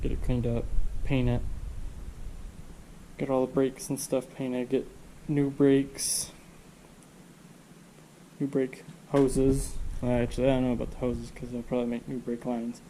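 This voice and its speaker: A man's voice: medium pitch, a little slow, long pauses, slight background noise, rough recording. A man with a stuffed-up nose, talking casually and rambling through his work in a home garage workshop. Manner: relaxed, rambling, thinks aloud with fillers. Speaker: car restoration vlogger.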